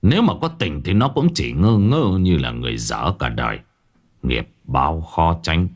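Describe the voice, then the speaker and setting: A man voicing a stern old male exorcist who speaks slowly and gravely. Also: extremely low pitch, sing-song, pitched below the performer's own voice, heavily acted. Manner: slow, measured, grave.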